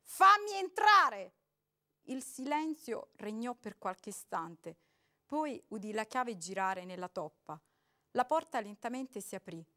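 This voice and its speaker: A woman giving an expressive, dramatic reading of a short story aloud. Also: medium pitch, a little slow. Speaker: reader.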